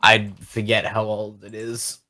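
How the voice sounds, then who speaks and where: A young man in his twenties chatting as a podcast co-host. His voice is bright and forceful, and he keeps joking, swearing and slipping into silly voices. The sound is dry and close. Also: lowish voice, monotone, unhurried, no room sound. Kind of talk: casual chat.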